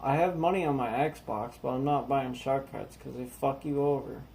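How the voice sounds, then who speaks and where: A man's voice: mid-range voice, moderate pace, creaky, a little mellow, slight background noise. A young man complaining and swearing as he talks over his gameplay. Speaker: gaming vlogger. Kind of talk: casual gameplay commentary. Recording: game music playing under the voice.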